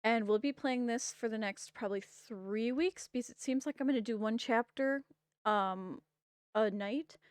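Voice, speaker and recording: A woman's voice: fairly high pitch, moderate pace, smooth, no room sound. A woman game streamer wrapping up her stream, bubbly, enthusiastic and rambling at a desk mic. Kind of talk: casual stream wrap-up chat.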